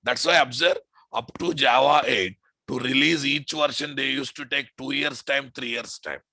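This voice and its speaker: In a pushed, bright, mid-range voice at moderate speed, a male programming instructor with a Telugu Indian English accent lectures casually. He speaks emphatically, repeats phrases, and frequently checks with students by asking questions, with no echo in the recording.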